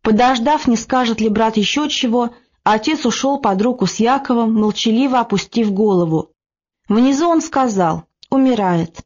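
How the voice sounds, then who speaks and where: A woman narrating an audiobook of classic prose in a steady, measured reading. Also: on the high side, dull audio. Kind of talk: scripted narration.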